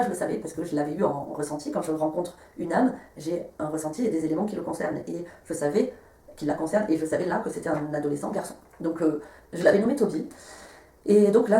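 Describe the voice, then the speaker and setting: A woman tells a personal story at a quick clip, rambling and stopping to restart her sentences. Her voice sits low and mellow. The room sounds echoey, and she is a little away from the mic. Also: distant mic. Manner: rambling, many hesitations and restarts. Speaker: medium telling a personal story. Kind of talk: casual spoken storytelling. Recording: roomy echo, voice a bit off-mic.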